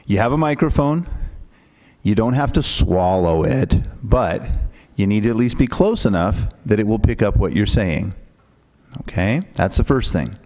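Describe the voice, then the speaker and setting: A man's voice: fairly low pitch, lively intonation, normal speed, a little mellow. A man acting as pronouncer who patiently explains the rules to young spellers before a spelling bee, speaking into a microphone and often checking in with "okay?".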